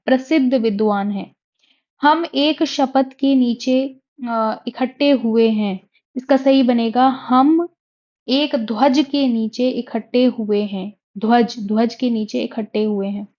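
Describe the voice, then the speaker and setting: A woman teacher walks through sentence corrections, repeating each fix and asking rhetorical questions. She speaks with mixed in, in a fairly high voice. The recording sounds a little dull and lo-fi. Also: darkish tone. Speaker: exam prep teacher. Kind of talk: lesson on Hindi grammar.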